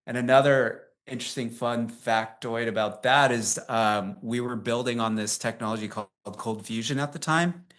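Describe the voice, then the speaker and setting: Medium in pitch and a bit bright, his voice moves at normal speed with few pauses. He's an unaccented American tech company CEO in his fifties, a guest in a relaxed interview who spins long, meandering stories full of laughs and fillers such as "like" and "um."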